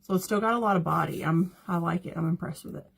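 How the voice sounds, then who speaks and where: Late-30s woman, casual livestream host, chatty and rambling, quick to laugh. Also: fairly low pitch, vocal fry, slightly rough. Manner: chatty, rambling, laughs often, reads out viewer comments. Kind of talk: casual livestream chat while doing makeup.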